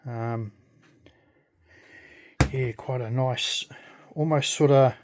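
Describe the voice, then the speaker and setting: A man talks through a casual hands-on demonstration. His voice sits at a medium pitch, and he speaks very slowly, in a halting, friendly way. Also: steady tone, background noise. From New Zealand. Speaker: video creator.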